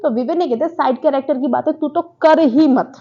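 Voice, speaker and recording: A woman talks through a reality show episode in casual commentary, slipping into the quoted lines as she tells them. Her voice sits a bit high. The recording sounds dull and lo-fi. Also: brisk. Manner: animated retelling, acts out quoted lines.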